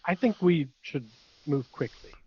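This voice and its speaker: A man's voice: on the high side, expressive, measured pace, breathy edge, dull audio. A man playing a tabletop game, practical and planning the party's next moves. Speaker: player. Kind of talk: casual tabletop game play.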